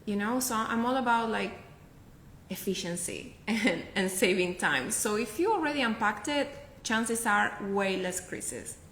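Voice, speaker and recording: A woman's voice: medium pitch, animated, a little slow, fairly bright tone, echoey room, slight background noise. A woman with a Spanish accent, whose first language is Spanish, giving upbeat packing advice in a casual chat, often checking in with "right?". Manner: upbeat, instructive, tag questions like "right?". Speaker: professional packer, guest.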